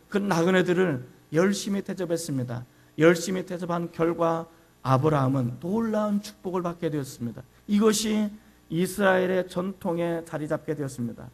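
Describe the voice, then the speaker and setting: Gravelly high-voiced Korean pastor preaching. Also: male voice. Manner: dramatic storytelling, shouting quoted lines. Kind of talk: sermon. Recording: mains hum under the voice.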